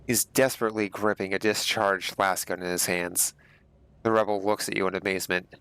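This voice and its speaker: A man's voice: low voice, steady tone, a little fast, fairly bright tone, clear, resonant tone, rough recording. A man reading game narration aloud with casual commentary as a streamer.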